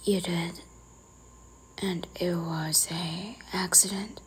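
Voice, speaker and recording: A woman in a whispered role-play, playing a strict, teasing librarian who quietly scolds a careless visitor. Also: on the low side, steady tone, slow, slight background noise. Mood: hushed, probing.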